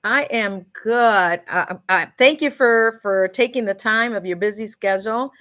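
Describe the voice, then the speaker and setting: Speaking a little slowly in a mid-range voice, this woman hosts a community radio show. Her warm-up chatter moves back and forth between English and Spanish as she brings on a call-in guest.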